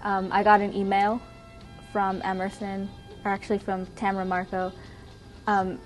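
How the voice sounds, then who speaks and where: A woman's voice: mid-range voice, completely flat delivery, moderate pace. A woman student with a mid-range voice speaks earnestly and a little hesitantly. Faint music sits in the background. She is recorded for a documentary interview. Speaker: college student.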